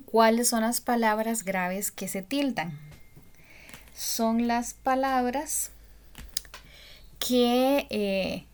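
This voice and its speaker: A woman teaching a spelling lesson, patient and full of pauses, often checking understanding with a question. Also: a little high. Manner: slow, patient, many pauses and fillers; asks "¿verdad?" to check understanding.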